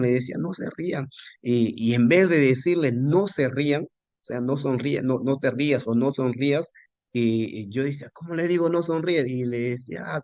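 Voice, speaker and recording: A man, a pastor and missionary, telling a personal testimony with many restarts and lively quoting of his own words. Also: mid-range voice, no room sound. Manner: halting with many restarts, animated quoting of himself. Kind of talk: storytelling testimony.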